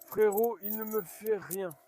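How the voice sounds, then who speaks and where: A man with a noticeably high voice films a casual farm vlog outdoors. He coaxes and calms his dogs in between remarks to his viewers, and dogs can be heard around him. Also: unhurried. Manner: coaxing and calming dogs while chatting to viewers. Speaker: dog owner filming at his farm. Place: farmyard outdoors.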